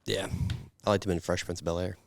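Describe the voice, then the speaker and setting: Man, podcast co-host, low pitch, teasing, deadpan, close dry mic. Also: quick pace, creaky, dry recording. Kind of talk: casual chat.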